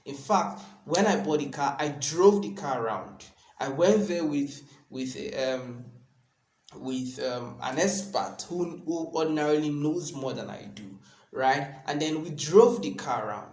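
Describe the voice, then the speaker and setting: A man's voice: fairly high pitch, a little slow, darkish tone. Nigerian guy giving advice to camera, earnest, keeps saying right?, roomy echo. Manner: earnest, repeats words, tags sentences with "right?". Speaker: real estate adviser. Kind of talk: explanatory video talk.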